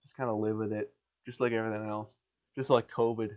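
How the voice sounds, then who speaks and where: Alone in a hot basement, a nasal-voiced young podcast host rambles crudely and deadpan, restarting often. His pitch is fairly low and his speech fast, his mouth dry and slightly coughy, and the audio sounds dull.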